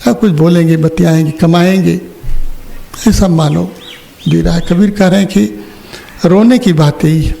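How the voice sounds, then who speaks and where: An older man, a spiritual teacher, gives a religious discourse in the hall of an ashram opening ceremony, speaking unhurriedly in a high-pitched, gravelly, dark voice and pausing often. He tells a story and puts questions to his listeners.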